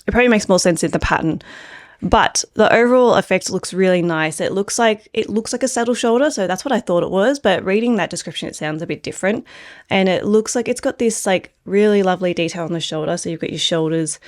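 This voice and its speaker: Speaking quickly in a mid-range voice, an Australian woman who designs knitwear rambles through a casual pattern review full of fillers. A cold leaves her throat slightly phlegmy, and the sound is studio quality without echo.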